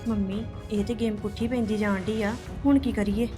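An actress playing an anxious young daughter who frets and pleads. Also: female voice, mid-range voice, steady tone, moderate pace, music in the background, close to an everyday voice. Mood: worried. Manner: fretful, pleading. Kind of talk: web drama acting.

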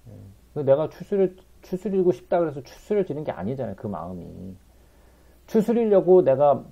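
Male Bible teacher, gravelly and husky, emphatic, keeps prompting listeners; muffled lo-fi recording. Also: medium pitch, warm tone.

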